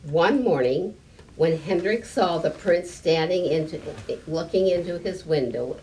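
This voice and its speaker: Story time in an indoor library room with a stone fireplace: a woman aged 70 or more reads a picture book to children deliberately, slightly haltingly, with little explanations added. She sounds low and a little mellow, picked up at a distance by a camera a few meters away amid room noise.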